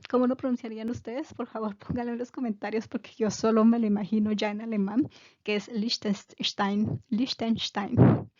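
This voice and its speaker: A woman's voice: on the high side, little pitch movement, fast talker, warm tone, dry recording, dull audio. A woman giving a casual video language lesson, chatty and digressive with many fillers. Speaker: language teacher.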